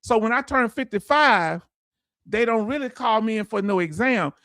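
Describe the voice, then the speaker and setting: This man in his fifties streams lessons on veteran benefits, answering chat in loose, folksy talk and quizzing viewers with repeated questions. His high, expressive voice has a sharp tone and normal speed, recorded at studio quality with no room sound.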